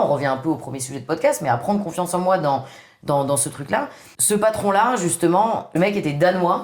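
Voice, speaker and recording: A woman with a deep, low-set voice recounts her experiences in a relaxed podcast conversation. She talks in a lively way but keeps stopping to hesitate and restart her sentences. The recording carries a noticeable room echo. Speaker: podcast guest. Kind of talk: casual podcast chat. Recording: echoey room.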